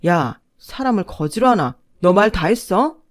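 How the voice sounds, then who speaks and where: A petulant, entitled young husband whines and throws blame around in a slow, pressing voice, as a woman reader puts him on. The recording is close and dry. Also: mid-range voice, sing-song, no room sound. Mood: blaming. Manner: blaming, whining.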